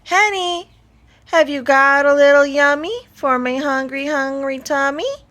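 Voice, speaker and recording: A woman's voice: sits high, a little slow, fairly bright tone, pitched above the performer's own voice. A woman voicing a hungry, bossy male troll in a storybook, calling out his demands. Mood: wheedling, hungry. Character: hungry, bossy male tumpton troll, grumpy egg thief.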